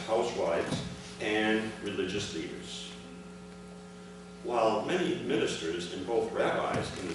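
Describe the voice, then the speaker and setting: With a fairly low voice, a man gives a measured, phrase-by-phrase reading of his father's memoir at a commemorative event. The large room echoes, the mic is far away, and background noise comes through clearly.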